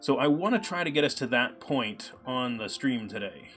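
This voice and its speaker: A man's voice: medium pitch, normal speed. A man live-streaming his coding, talking casually with many fillers, his voice a little scratchy from a cold. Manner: relaxed, chatty, many ums and uhs. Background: soft background music.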